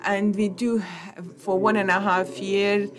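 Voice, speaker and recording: Slow, hesitant woman interpreter. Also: mid-range voice, level tone. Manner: halting, many hesitations and restarts. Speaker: conference interpreter. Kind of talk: simultaneous interpretation of conference talks.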